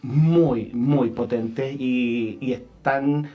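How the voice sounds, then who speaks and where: A man who writes and directs for the theatre speaks as a radio guest at a mid pitch. He often restarts his sentences and repeats words before he settles into a thought. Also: steady tone, muffled recording, soft background music. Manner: halting, repeats words as he starts.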